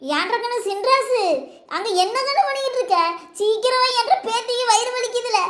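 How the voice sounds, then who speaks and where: A performer plays a fussy village grandmother in a doll-show drama, loud and doting as she frets. The voice is very high, with a roomy echo. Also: brisk, heavy background noise. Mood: calling out. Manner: calling out loudly, fretting.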